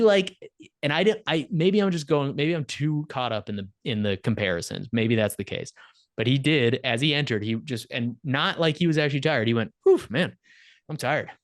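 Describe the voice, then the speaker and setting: Male podcast co-host, mid pitch, animated stat-heavy talk, dry close mic. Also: dry recording. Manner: animated, rattles off stats, laughs mid-sentence. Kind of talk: casual sports podcast chat.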